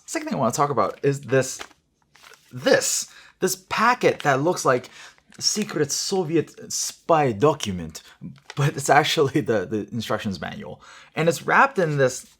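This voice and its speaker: A man's voice: mid-range voice, fairly bright tone. A man presenting an airsoft product review in a chatty, jokey way, talking straight to his viewers.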